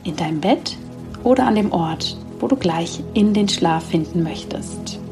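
A woman guiding a sleep meditation like a bedtime sleep story narrator, speaking softly and soothingly with long, slow pauses. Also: on the low side, animated, over music. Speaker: podcast host leading a guided sleep meditation.

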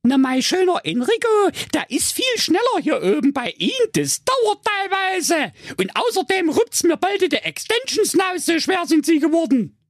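A man's voice: very high voice, big pitch swings, normal speed, hardly any pauses, no room sound, clean studio sound, pitched above the performer's own voice. A man voicing a sassy young fairy-tale princess in a comic story, speaking in a cheeky, mocking way.

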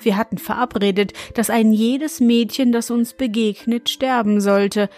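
A kind, cautious young brother from a fairy tale, read by a woman, calm and reassuring. The delivery is slow and unhurried, over faint music. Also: a little high, close to an everyday voice.

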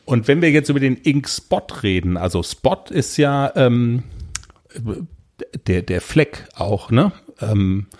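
A man's voice: mid-range voice, expressive, slow pace, a little mellow. A man co-hosting a podcast, chatting casually and rambling through free associations. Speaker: podcast co-host. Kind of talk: casual chat.

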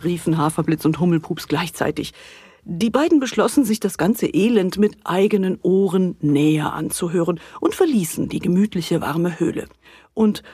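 A woman with a husky voice narrating a children's story and speaking to the children. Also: medium pitch, a little mellow, no echo, clean studio sound.

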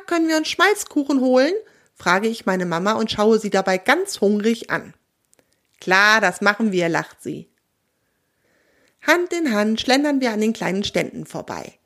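A woman reads a children's story aloud, telling it in the first person. Her delivery is lively and expressive, and her pitch sits in a middle range. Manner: lively first-person narration with voiced dialogue.

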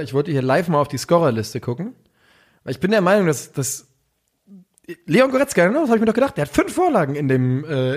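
Ein Mann, der als Co-Host locker und begeistert über Fußball plaudert, mit lässigem Slang. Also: male voice, on the high side. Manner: enthusiastic, slangy, self-deprecating. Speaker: podcast co-host. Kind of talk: casual football chat.

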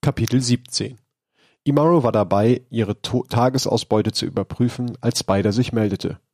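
A man narrating a story aloud in a measured audiobook reading. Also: medium pitch, darkish tone, no room sound, studio quality.

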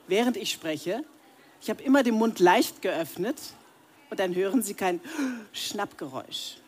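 A woman voice coach speaking directly to a live audience, leading breathing and humming exercises and demonstrating the sounds herself. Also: medium pitch. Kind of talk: live voice training workshop. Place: seminar room with audience.

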